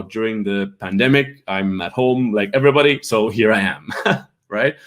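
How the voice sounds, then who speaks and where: A man from Ireland with a light Irish accent, teaching an English grammar lesson and checking in often with "right?" and "all right?". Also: fairly low pitch. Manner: patient, repeats with frequent "right?" checks.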